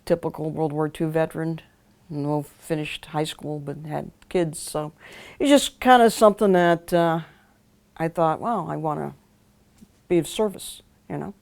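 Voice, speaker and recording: An older woman, a retired police officer, speaking hesitantly in a documentary interview, pausing to find her words. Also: low-pitched, creaky, darkish tone. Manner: hesitant, thinking aloud.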